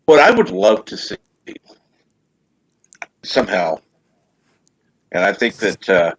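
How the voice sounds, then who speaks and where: A man's voice: fairly low pitch, very animated, slow, slightly rough, no room sound. A man hosting a casual talk show, giving his opinions in an informal way. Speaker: talk show host reading chat comments.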